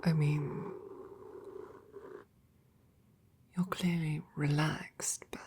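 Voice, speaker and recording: In a low-pitched, level tone, a woman voices a gentle, devoted female knight for an intimate ASMR roleplay, speaking softly, breathily and tenderly with hesitant pauses. The mood is soothing and intimate, with a little hiss or hum in the audio.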